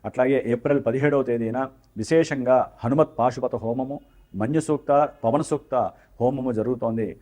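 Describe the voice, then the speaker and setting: A man's voice: mid-range voice, moderate pace, darkish tone. A man speaking as an astrologer, giving a forecast with earnest advice and formal devotional phrasing.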